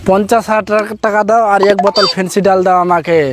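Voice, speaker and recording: A man's voice: sits high, fairly even intonation, quick pace, background noise, lightly acted. A man playing a belligerent, boastful drunkard who demands his pay over and over in an amateur comedy skit. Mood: demanding. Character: boastful drunkard man hired to dump corpses for money. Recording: loud music over dialogue.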